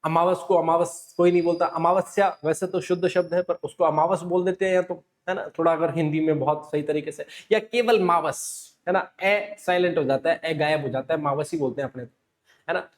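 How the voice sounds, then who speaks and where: A man's voice: on the high side, steady tone, fairly quick. A man from Rajasthan, teaching an exam coaching class, asking and answering his own questions. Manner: explanatory, asks and answers himself, frequent "है ना". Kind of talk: classroom lecture.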